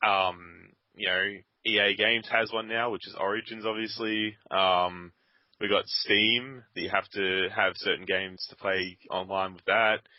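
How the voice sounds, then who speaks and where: A man's voice: fairly low pitch, steady tone, a little slow, no echo. A man rambling and grumbling sarcastically to his co-host while they play a game at his computer. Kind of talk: casual gaming chat. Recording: dull lo-fi dry sound.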